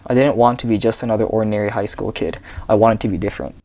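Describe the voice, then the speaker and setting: Here a Seattle vlogger, a young man, speaks quickly in a lowish voice against a noisy background. Sitting in a small bedroom, he earnestly reads a personal story from a script on a tablet, keeping a steady delivery.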